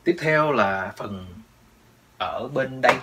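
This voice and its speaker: A man's voice: mid-range voice, animated, takes it slowly, very noisy. A man teaching English pronunciation, patiently repeating each word several times and explaining in between. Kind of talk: pronunciation lesson, repeating words slowly.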